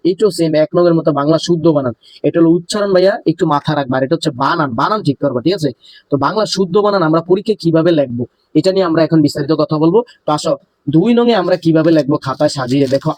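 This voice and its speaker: A young man races through an exam-prep lesson, his voice sitting a little high for a man. He coaxes his students like an older brother. The sound is close and dry, with no room around it. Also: a little mellow, dry recording, low-quality recording. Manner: brotherly, repeatedly calls students "bhaiya". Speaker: teacher.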